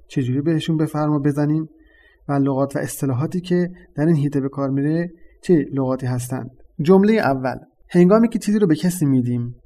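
Mellow, darker-toned man hosting a language lesson. He explains step by step in a measured, patient teaching voice at an ordinary pitch.

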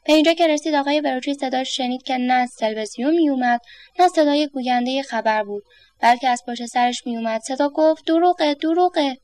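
Storybook narrator, woman, high-pitched, dry and close. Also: a little mellow, no echo.

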